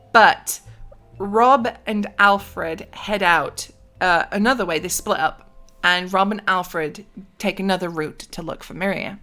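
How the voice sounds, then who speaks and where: A woman casually recapping a tabletop role-playing campaign, chatty and animated, with asides and sound effects. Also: mid-range voice. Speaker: tabletop game player recapping a character.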